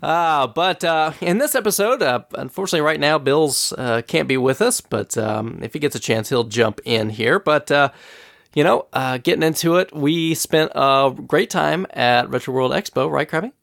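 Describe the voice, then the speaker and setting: Sounding a little nasal and scratchy from a cold, a man hosts a podcast and tells stories in a chatty, animated way, laughing often. His voice is on the high side and creaky, delivered at a moderate pace in a dry, studio-quality recording.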